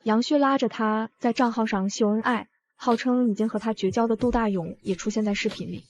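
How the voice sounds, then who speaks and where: A woman narrating a short drama in the first person, telling the story at a steady pace. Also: on the high side, brisk, a little hiss or hum. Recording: dull lo-fi audio.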